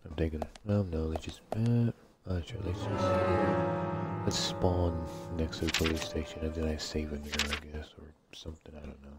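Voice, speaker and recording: A man's voice: very deep voice, fairly even intonation, normal speed, loud music behind the voice. A man giving casual gameplay commentary, ranting in frustration with lots of swearing and muttering to himself. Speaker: let's play gamer. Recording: clear background noise with clicks.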